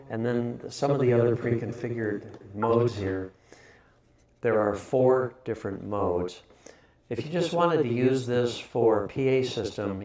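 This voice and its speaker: Male product reviewer, relaxed explanatory delivery, voice played through a party speaker with hall-like reverb, heard from off-mic. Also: medium pitch, recorded from a distance. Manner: relaxed, explanatory, with filler uhs. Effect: voice through a karaoke speaker with heavy reverb. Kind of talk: casual product demo. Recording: reverb-drenched loudspeaker sound from off-mic.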